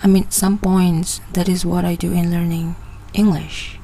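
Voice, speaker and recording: A woman's voice: lowish voice, flat delivery, measured pace, warm tone, poor audio. A woman in her twenties from Malaysia, hosting a casual personal podcast and often hesitating and restarting her phrases. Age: 20s. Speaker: podcast host.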